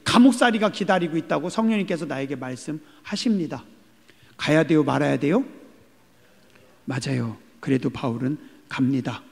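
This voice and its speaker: A male pastor preaching a sermon, firing questions at the congregation and swinging between loud calls and hushed words. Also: a little high, normal speed, gravelly, slightly rough. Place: church sanctuary. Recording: long hall reverb.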